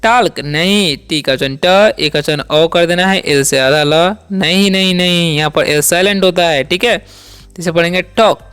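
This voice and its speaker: A man's voice: on the high side, normal speed, a bit bright, smooth. A man teaching English words as the host of a lesson channel. He speaks patiently, asks questions and answers them himself, and says "theek hai" often. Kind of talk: spoken language lesson.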